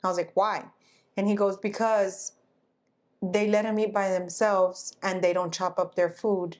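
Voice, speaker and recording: A woman's voice: mid-range voice, level tone, measured pace, a little mellow. A woman in her twenties co-hosting a casual chat podcast, telling stories in a chatty way and slipping into Spanish phrases. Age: 20s. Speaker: podcast co-host.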